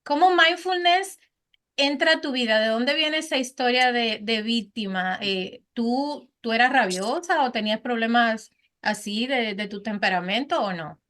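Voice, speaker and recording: A woman's voice: fairly high pitch, measured pace, fairly bright tone. A woman hosting an interview podcast, chatty and informal, asking rambling stacked questions. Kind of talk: casual interview.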